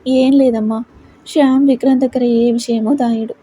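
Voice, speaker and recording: A woman's voice: high voice, steady tone, normal speed, warm tone, breathy edge, poor audio. A woman voicing an elderly grandmother who talks fondly and asks worried questions. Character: elderly grandmother, fond and fretful.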